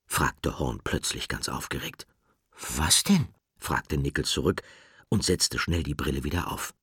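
A man narrating a children's audiobook in a calm, deliberate storytelling manner. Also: very deep voice, slightly rough, no echo, studio quality.

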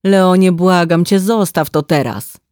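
A woman voicing a busy young mother who briskly rushes her boys along, a little higher and louder than her narration. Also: big pitch swings, no room sound, studio quality. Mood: hurried. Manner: brisk, commanding. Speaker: hairdresser.

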